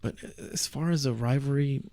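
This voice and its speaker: A man's voice: mid-range voice, normal speed, darkish tone, no room sound. A man who plays arcade fighting games, answering interview questions earnestly with some stumbling restarts. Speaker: podcast guest, arcade fighting game player. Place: podcast studio.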